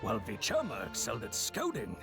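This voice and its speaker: An actor voicing a gravelly old male villager in a video game, recounting events in a measured, solemn way, with game music playing behind. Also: mid-range voice, wildly swooping pitch. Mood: somber recounting. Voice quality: gravelly, creaky.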